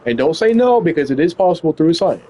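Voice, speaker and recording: A man's voice: on the high side, big pitch swings, quick pace, mellow, muffled recording, a little hiss or hum. A young man streaming live, arguing with a chatbot in a casual, incredulous way, swearing a lot.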